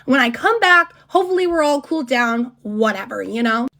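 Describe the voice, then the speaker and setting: A young woman with a high, light voice tells a storytime about work. She is blunt and sarcastic and swears freely while she vents. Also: animated, fairly quick, bright, forceful tone. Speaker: retail worker telling a storytime. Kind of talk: casual storytime rant.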